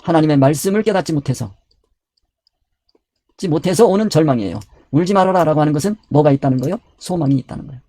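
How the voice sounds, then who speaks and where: A man's voice: on the high side, lively intonation, fast, warm tone, no echo. A man preaching a Bible study sermon. He asks questions and answers them himself, and he repeats his key words. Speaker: pastor.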